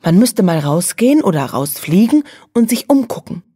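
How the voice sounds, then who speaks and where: A woman voicing a fearless, bossy young female dormouse who gives brisk, conspiratorial commands. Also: mid-range voice, sing-song, dark tone, husky, no room sound, clean studio sound.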